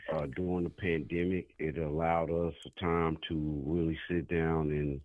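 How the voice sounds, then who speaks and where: Deep low guy, chill musician guest on a talk show, slangy, kinda dull lo-fi sound. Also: flat delivery, normal speed, no echo. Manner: laid-back, slangy, repeats himself. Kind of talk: casual interview chat.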